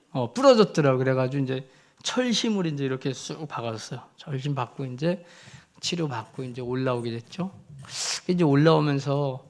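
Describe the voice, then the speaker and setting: A fairly high-voiced male missionary preaches in a church, telling his story with lively swings of loudness. He piles on fillers as he speaks, and his tone stays conversational. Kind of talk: storytelling sermon.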